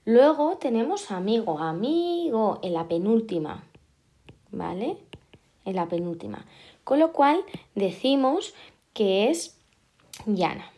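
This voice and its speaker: A woman teacher, patiently explaining a lesson and repeating key words slowly. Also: medium pitch, sing-song, warm tone. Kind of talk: classroom explanation.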